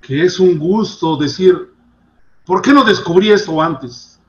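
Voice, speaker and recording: A man delivers a devotional sermon with earnest conviction. His voice sits a little high and swells and falls in loudness to stress his points. The recording sounds somewhat muffled, like a lo-fi online video. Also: expressive, slow. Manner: earnest, rises and drops in loudness for emphasis. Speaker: preacher.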